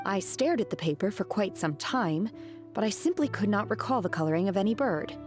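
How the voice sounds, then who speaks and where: A woman voicing a calm, solemn young female disciple in a video game, speaking in a composed, formal and literal way. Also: medium pitch, a little fast, over music, close to an everyday voice. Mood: matter-of-fact.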